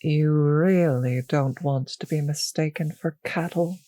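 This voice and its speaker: Sly and doting, a deep, mellow female voice plays a possessive vampire mistress in an intimate roleplay audio drama, speaking in an unhurried, breathy, husky way that's condescending, patronizing and savouring. No room sound is audible.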